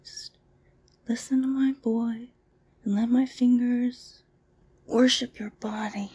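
A woman doing an ASMR roleplay as a masseuse, talking in a soft, soothing, mostly whispered, breathy voice. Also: a little high, steady tone, slow pace.

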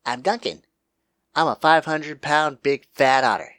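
A man voicing a huge, greedy male otter in a hypnosis roleplay, speaking in a slow, coaxing, teasing way. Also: on the high side, fairly bright tone. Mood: teasing, playful.

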